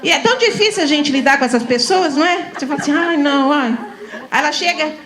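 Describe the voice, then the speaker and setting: A woman's voice: sits high, animated, rapid-fire, fairly bright tone. A middle-aged woman from São Paulo giving an informal, chatty lecture to teachers, often laughing and asking the room for agreement. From São Paulo, Brazil.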